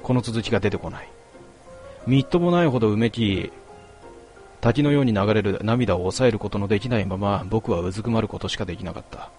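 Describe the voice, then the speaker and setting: A man reading a first-person story aloud in a measured, quiet and melancholy way. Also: on the low side, soft background music. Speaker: narrator.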